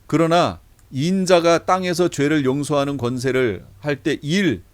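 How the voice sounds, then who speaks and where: Middle-aged male pastor, slightly high voice, conversational lecture style with deliberate readings. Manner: conversational, reads verses slowly aloud. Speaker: pastor teaching a Bible class. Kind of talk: lecture, explaining Bible translations.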